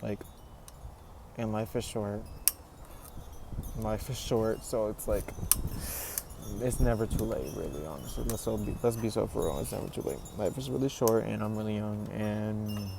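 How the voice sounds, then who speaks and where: Young man, 20s, casual vlog monologue, fry in the voice, noisy room tone. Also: fairly low pitch, normal speed. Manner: rambling, full of "like" and "you know", restarts. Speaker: vlogger. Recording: noisy background ambience.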